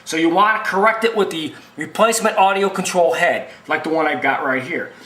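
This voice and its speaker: Talking fairly quickly, this repair presenter explains fixing a video machine in a casual tutorial, his voice strikingly high and sharp. He's folksy and emphatic and keeps rambling back to points he's already made, all in an echoing, roomy space.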